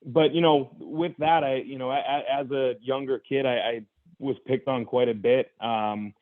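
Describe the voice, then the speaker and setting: A young adult male guest, heard on a tinny, phone-like line with no echo, talks at normal speed in a steady, medium-pitched voice. He shares his own story openly in conversation, sincere and reflective, with frequent restarts and many a "you know."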